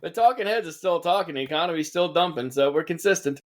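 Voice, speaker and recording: A man's voice: a little high, lively intonation, quick pace. A man co-hosting a casual satirical news podcast, sarcastic and laughing often. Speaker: podcast co-host.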